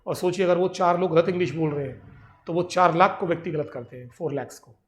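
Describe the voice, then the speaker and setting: High-voiced Indian man teaching grammar. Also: reverberant. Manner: explains in Hindi, reads English examples slowly. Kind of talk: classroom grammar lecture.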